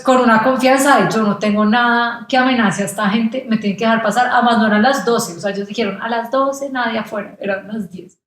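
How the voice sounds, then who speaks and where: A young woman with a Colombian accent tells a story as a podcast guest. She jumps into the voices of the people she meets. The sound is very roomy and echoey. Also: mid-range voice. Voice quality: animated, acts out quoted voices. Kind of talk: casual storytelling. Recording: very echoey room.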